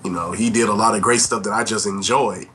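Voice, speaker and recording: A man's voice: lowish voice, steady tone, fast, fairly bright tone, slight background noise. A middle-aged man co-hosting a podcast, reminiscing casually in a rambling, self-deprecating way full of little asides. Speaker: podcast co-host.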